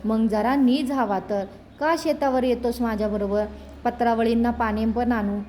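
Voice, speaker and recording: A woman voicing a village father who scolds his son loudly in a raised voice. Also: a little high, steady tone, moderate pace, a little hiss or hum, natural voice. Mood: gentle. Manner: raised, scolding, later softening. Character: angry, then gentle village father.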